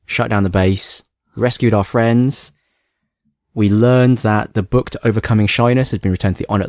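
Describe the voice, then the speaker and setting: A man's voice: on the low side, a little mellow, no room sound, studio quality. A young man co-hosting a podcast in casual chat, playful and self-mocking with a snarky streak. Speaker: podcast co-host.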